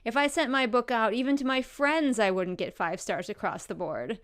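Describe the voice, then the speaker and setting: A woman with a slightly high voice speaks at normal speed as host of a book vlog. She chats casually with viewers and reads aloud, adding wry, sardonic asides.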